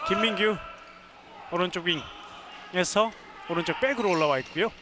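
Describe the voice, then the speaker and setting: A man doing live handball play-by-play, given to shouted, drawn-out goal calls. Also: high voice. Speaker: sports play-by-play announcer. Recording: clear arena noise behind the voice.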